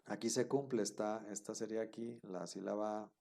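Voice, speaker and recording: A man's voice: fairly low pitch, steady tone, normal speed, gravelly, mellow. A man teaching a grammar class, explaining step by step and checking in with his students. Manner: explanatory, repeats key terms, checks with "¿no?". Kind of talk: recorded classroom lecture.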